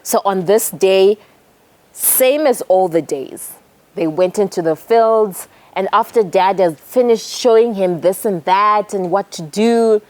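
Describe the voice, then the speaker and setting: Slow, expressive Zimbabwean storyteller woman. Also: mid-range voice, no room sound. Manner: expressive, speaks directly to the kids. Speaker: children's storyteller. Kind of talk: storytelling to children.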